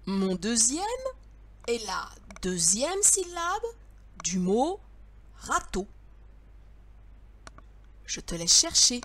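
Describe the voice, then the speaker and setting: French woman teacher, slow and very lively in pitch, patient sing-song delivery for young kids. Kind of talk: slow, clear lesson for young children.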